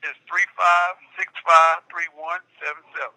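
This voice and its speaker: A man calling from federal prison, heard over a prison phone line, answering interview questions in a calm, plain way. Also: a little high, moderate pace. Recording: tinny prison phone call.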